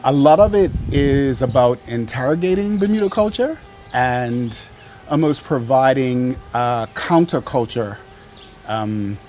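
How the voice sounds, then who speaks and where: A man answering thoughtfully as an artist in an interview, pausing between phrases. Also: medium pitch, darkish tone, a little hiss or hum. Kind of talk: considered interview talk.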